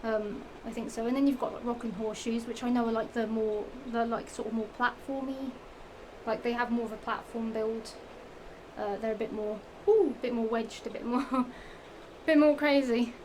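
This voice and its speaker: Talking at a normal speed, a young woman from England with a Norfolk accent has a slightly high voice with fairly even intonation, a little strained from the heat. She rambles about shoes in a casual vlog show-and-tell, giggling and repeating herself with many fillers and restarts. The home recording is noisy.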